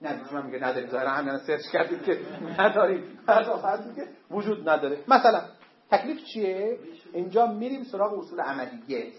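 A man's voice: sits high, sing-song. A man teaching a seminary class on Islamic law, emphatic, with joking asides to his students. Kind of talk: classroom lecture on Islamic jurisprudence. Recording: dull lo-fi classroom recording.

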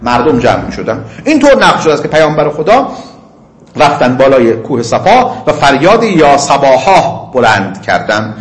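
Animated male seminary lecturer, echoey room. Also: medium pitch. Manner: reads Arabic text slowly then explains it in colloquial speech. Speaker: religious teacher.

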